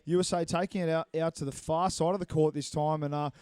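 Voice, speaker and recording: A man's voice: a little high, steady tone, fast talker, darkish tone, smooth, dry recording. A man doing live play-by-play commentary, chatty and reading out viewer messages. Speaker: sports commentator.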